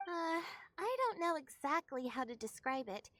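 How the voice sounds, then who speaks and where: A woman's voice: high voice, sing-song, moderate pace, fairly bright tone, dry recording, clean studio sound. A woman voicing a thoughtful young woman in a game, speaking in a reflective, musing way.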